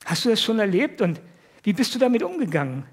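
High-voiced man preaching casually. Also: sing-song, quick pace, husky. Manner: casual, colloquial, full of rhetorical questions to the listeners. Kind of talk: conversational sermon.

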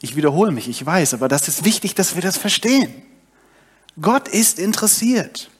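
A man's voice: sits high, very animated, normal speed, breathy edge. A young adult man giving a sermon, retelling a story and addressing the congregation directly. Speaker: preacher.

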